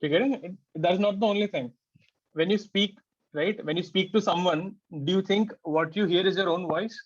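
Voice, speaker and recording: High-voiced teacher lecturing. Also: male voice, moderate pace, muffled recording. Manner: conversational, asks students frequent rhetorical questions. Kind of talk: explanatory class lecture.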